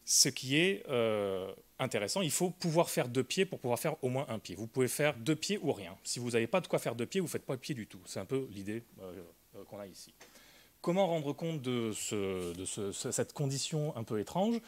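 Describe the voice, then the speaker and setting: A man's voice: medium pitch, very animated, moderate pace. A man giving an academic linguistics talk, explaining carefully with frequent hesitations and restarts. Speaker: linguistics lecturer.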